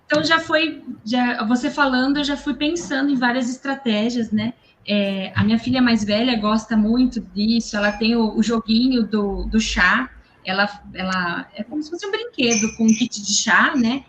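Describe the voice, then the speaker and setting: A woman's voice: fairly high pitch, moderate pace, few pauses, slight background noise, rough recording. A woman, a mother and guest, talking eagerly on a video call, often restarting her sentences and tagging them with little checks. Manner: enthusiastic, hesitant restarts, frequent "né". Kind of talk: casual video call conversation.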